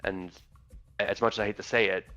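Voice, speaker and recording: A man talking through plans as a player in a tabletop role-playing game, in a halting, deliberate way. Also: fairly low pitch, steady tone, pushed and bright. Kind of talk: in-character discussion at a tabletop game. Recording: dull sound with music behind.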